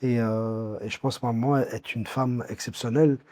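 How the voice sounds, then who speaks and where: A Belgian-born man in his fifties, recounting his life story as an interview guest, with many pauses and restarts. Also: medium pitch, fairly even intonation, a crowd in the background. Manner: hesitant, many fillers and restarts.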